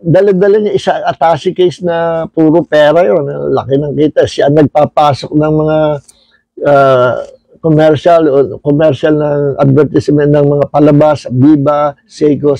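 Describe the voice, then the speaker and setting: High-voiced Filipino pastor teaching. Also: male voice, creaky, mellow, no room sound, poor audio. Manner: storytelling, mixes Tagalog and English, frequent "no?" tag. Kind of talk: online Bible study teaching.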